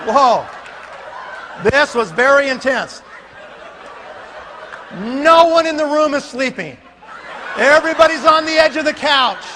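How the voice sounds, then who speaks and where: Man, comic storyteller on stage; bright, sharp voice, faint room noise behind. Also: extremely high pitch, unhurried, pauses often, a faint crowd. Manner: animated, laughing, acts out scenes. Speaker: speaker. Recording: long hall reverb, faint room noise.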